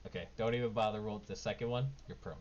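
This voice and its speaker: A man's voice: lowish voice, fairly even intonation, fast, darkish tone. A man narrating as game master of a tabletop game, in a casual, informal way. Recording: dull lo-fi mic, background noise.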